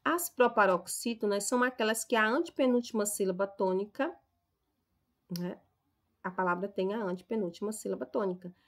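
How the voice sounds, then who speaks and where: Young adult woman from Brazil, schoolteacher, patient explainer who checks in often. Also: medium pitch. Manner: explains slowly, stresses example words, checks in with "tá?". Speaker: teacher. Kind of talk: recorded classroom lesson.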